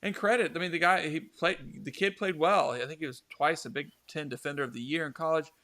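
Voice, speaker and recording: A man's voice: a little high, a little fast, sharp tone. A man hosting a casual soccer talk show, rambling with many fillers and restarts. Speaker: podcast host.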